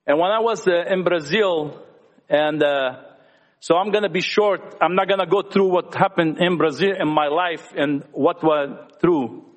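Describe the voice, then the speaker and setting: High-voiced man giving testimony. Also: unhurried. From Lebanon. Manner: talkative storyteller, earnest, addresses young people. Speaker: church member sharing testimony. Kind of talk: personal testimony talk. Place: church gathering. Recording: echoey hall.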